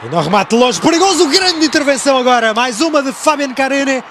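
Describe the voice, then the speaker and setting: A man with a European Portuguese accent giving fast, dramatic, excited live football commentary. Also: very high voice. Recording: noisy broadcast with stadium ambience. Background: clear stadium noise.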